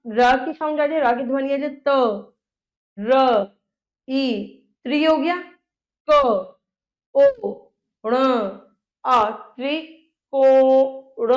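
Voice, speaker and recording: A woman's voice: high voice, darkish tone, muffled recording. A woman teacher giving a grammar lesson, sounding out letters one by one and often checking in with her students. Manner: often checks in with "theek hai".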